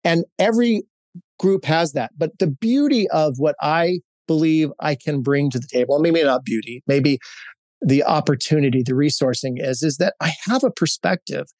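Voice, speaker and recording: Answering as a guest, this Hawaii-raised corporate executive in his fifties speaks candidly and tells stories, leaning on fillers and restarting often. His voice is on the high side with a darkish tone, moderately paced, and there's no echo.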